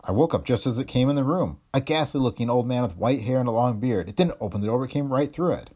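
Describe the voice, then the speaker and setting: A man's voice: medium pitch, animated, fast talker, mellow, slightly rough. A man voicing a shaken husband who insists he has seen something. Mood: insistent. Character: frightened, stubborn husband.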